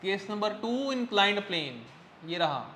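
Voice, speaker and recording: A man teaching a physics class, quizzing his students constantly in a coaxing, brisk way. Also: high-pitched, big pitch swings, bright, forceful tone, a little hiss or hum. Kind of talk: classroom lecture.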